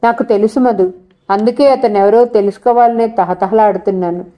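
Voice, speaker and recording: A woman's voice: medium pitch, fairly even intonation, moderate pace, dark tone, close to an everyday voice. A woman voicing a brooding, lovesick young female student who answers curtly. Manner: curt, brooding.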